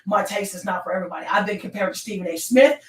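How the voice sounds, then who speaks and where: A woman with a Southern accent hosting her own sports talk stream, ranting with emphatic, animated delivery. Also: mid-range voice, racing, roomy sound, far from the mic, low-quality recording. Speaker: sports show host.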